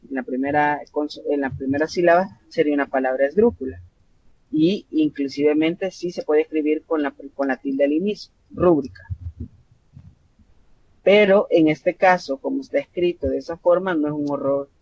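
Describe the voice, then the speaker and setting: Speaking with a Salvadoran Spanish accent, this man's voice is slightly high and a little mellow as he patiently explains things to his online class. His speech is full of fillers and self-corrections, and the lo-fi class audio sounds dull with a faint hiss of noise.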